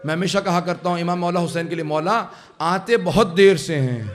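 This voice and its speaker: A man preaching a mourning sermon who tells the story to the gathering and builds into impassioned, tearful recitation. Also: high voice. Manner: addresses the audience directly. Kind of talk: Urdu majlis sermon. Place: religious centre hall.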